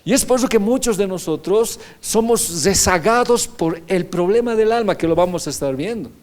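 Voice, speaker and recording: A pastor with a high-sitting, darkish voice preaches a sermon at a moderate pace, animated throughout. He reads scripture verses aloud and keeps asking the congregation rhetorical questions.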